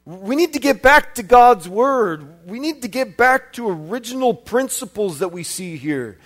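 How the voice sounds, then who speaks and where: A man preaching a sermon as a visiting preacher, impassioned, repeating his phrases and building up to shouts. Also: high voice, animated, unhurried.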